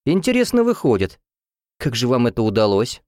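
A man voicing a sarcastic male teacher in an audiobook, with a drawling, unhurried delivery. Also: mid-range voice, wildly swooping pitch, darkish tone, no room sound, studio quality. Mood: dry sarcasm. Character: sharp-tongued young male teacher.

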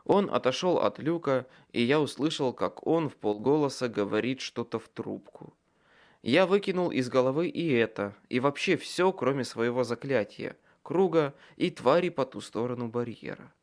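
Brief: male audiobook narrator, mid-pitched voice, tense and dramatic first-person read. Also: animated, normal speed.

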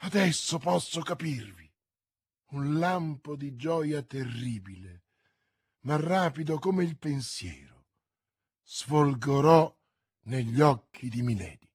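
A man narrating a classic novel as an audiobook, in a measured, theatrical reading. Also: mid-range voice, animated, darkish tone, slightly rough, dry recording, studio quality. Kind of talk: dramatic literary audiobook reading.

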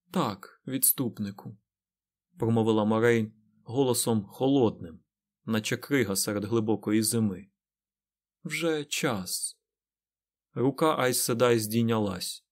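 A man narrating an audiobook in a measured way, drawing out phrases for effect. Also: mid-range voice, a little mellow.

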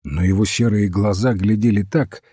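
A man narrating a story in a measured, expressive way. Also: fairly low pitch, breathy edge, dry recording, studio quality. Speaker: audiobook narrator. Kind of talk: scripted narration.

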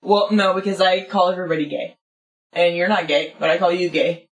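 A woman co-hosting a podcast, talking loudly and emphatically with constant swearing. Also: fairly low pitch, fairly even intonation, brisk, reverberant, recorded from a distance. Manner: loud, profane, emphatic. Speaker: podcast co-host. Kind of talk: casual drunk chat.

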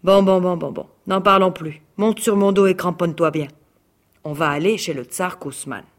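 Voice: mid-range voice, moderate pace, close to an everyday voice. A reader voicing a stern old grey wolf. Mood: scolding. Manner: stern but kindly, scolding. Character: wise gruff grey wolf helper. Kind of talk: read-aloud fairy tale.

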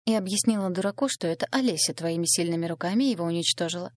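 A venomous, sneering young woman with a raised, bright edge to her voice, as a female reader puts her on. The recording is dry and close, with no room sound. She spits scorn and gloats over her schemes. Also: fairly low pitch, very fast, dry recording, close to an everyday voice. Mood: gloating. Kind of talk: audiobook dialogue reading.

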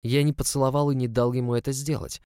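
A man's voice: medium pitch, flat delivery, fast, darkish tone, clean tone, dry recording. A man narrating a story in the first person, in an intimate, close storytelling manner. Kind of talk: audiobook narration.

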